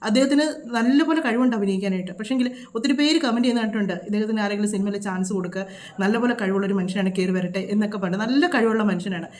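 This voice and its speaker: Fast-talking indignant woman. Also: mid-range voice, a little mellow. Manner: scolding, indignant, rapid rhetorical questions. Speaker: vlogger. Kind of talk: opinionated reaction commentary.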